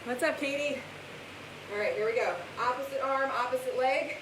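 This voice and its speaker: A woman's voice: high-pitched, moderate pace. A woman working as a fitness instructor, calling out encouragement, cues and countdowns as she exercises through a live workout class. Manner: exerting herself while talking through the exercises. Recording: echoey room, far from mic, loud hiss.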